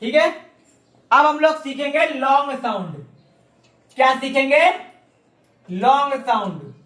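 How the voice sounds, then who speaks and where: A Japanese language teacher, a man with an extremely high, slightly bright voice, teaches an online class slowly and animatedly. He often poses a question and answers it himself for learners to repeat. The room is echoey and the mic far off.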